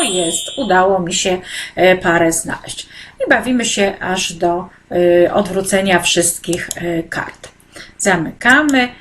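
A woman teacher walks children through an online e-textbook lesson. She talks slowly and patiently, stopping often on hesitant fillers, and her voice sits at an ordinary middle pitch. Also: a bit bright, slight background noise. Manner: speaks directly to children, encouraging. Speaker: primary school teacher.

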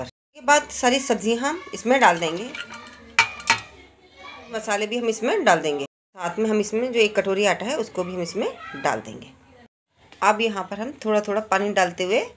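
A woman hosting a cooking channel, giving friendly step-by-step recipe instructions as a voice-over. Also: medium pitch. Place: home kitchen.

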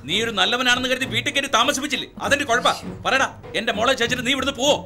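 An actor playing a proud, hot-tempered middle-aged police commissioner who scolds with contempt in dramatic film dialogue. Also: male voice, very high-pitched, racing, pushed and bright, full character voice. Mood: angry.

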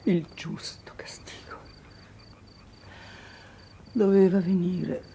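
Heartbroken guilty mom, slow hushed whispery lines, really dark low voice. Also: female voice, expressive, a little hiss or hum. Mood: resigned. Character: anguished guilt-ridden mother, middle-aged woman. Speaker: mother. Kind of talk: 1980s TV drama acting.

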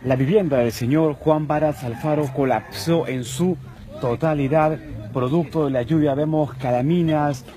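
A man in his thirties from Peru reporting live for a news broadcast outdoors on a dusty hillside with a handheld mic, in a formal, steady delivery. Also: on the high side, moderate pace, faint music behind. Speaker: field reporter. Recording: outdoor ambience noise.

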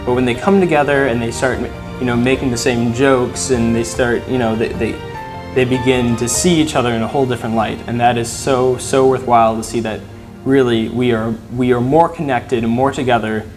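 A man speaking earnestly in an interview as a competition organizer, with some halting restarts. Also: medium pitch, fairly even intonation, music in the background. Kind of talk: candid interview remarks.

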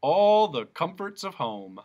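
Playing a self-important male policeman who doubles as judge and jailer, a man makes loud, pompous, booming declarations. The voice is pushed up to a fairly high pitch, sing-song at a moderate pace, with lo-fi sound.

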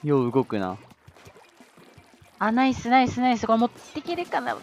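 A man giving live commentary over his own gameplay, excitable, yelling at tense moments and adding self-mocking asides. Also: very high-pitched, normal speed, a little hiss or hum.

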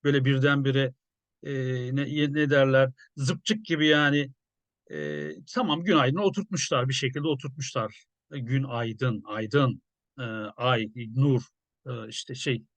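A journalist commenting in a casual, conversational way, musing with many hesitations. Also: male voice, mid-range voice, unhurried, no echo.

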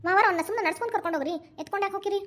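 A woman voicing a strict young mother and daughter-in-law in a cartoon, with a North Karnataka Kannada accent, brisk and scolding. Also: very high voice, a bit bright. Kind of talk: cartoon voice acting.

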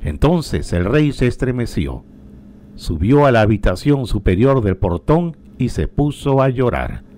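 A man reading scripture aloud in a slow, solemn way, lifting his voice for the quoted cries. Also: mid-range voice, big pitch swings, mellow. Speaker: liturgical reader.

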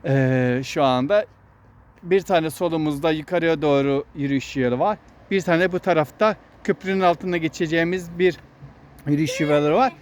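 This walking vlog is recorded outside, noisy with passing traffic. The host, a father, talks at a moderate pace in a voice on the high side, explaining things to his child and the audience in a casual way.

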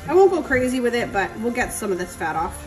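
A woman's voice: a little high, sing-song, fast. A woman in her thirties from New Hampshire, chatting casually to viewers as she cooks at home. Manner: chatty, upbeat, talks to viewers while cooking. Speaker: cooking channel host. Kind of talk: casual cooking vlog narration. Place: home kitchen. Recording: roomy kitchen with background music.

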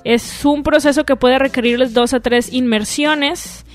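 A woman's voice: sits high, steady tone, measured pace. Slangy Mexican woman radio host. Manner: slangy, swears a lot, chatty. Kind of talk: casual solo radio talk. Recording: music playing faintly behind.

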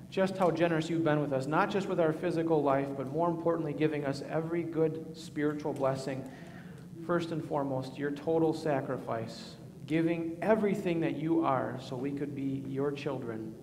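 A man leading worship as pastor, praying and speaking in a measured, solemn way, his voice ringing with a cathedral echo. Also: on the high side, a little mellow, slight background noise. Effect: cathedral echo, long church reverb. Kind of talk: liturgical prayer and communion address. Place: large church sanctuary. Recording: long reverb of a large church hall.

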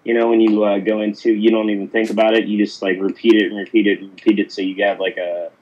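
A man's voice: lowish voice, level tone, quick pace, a little mellow, muffled recording. A man from Pittsburgh, an actor, telling stories in a casual interview, rambling with lots of fillers and restarts. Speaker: actor guest.

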